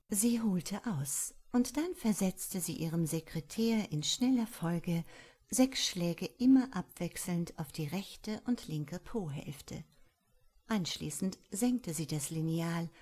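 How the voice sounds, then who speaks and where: Slow, breathy woman narrator. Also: on the low side, a little mellow. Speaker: audiobook reader. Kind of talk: scripted audiobook narration.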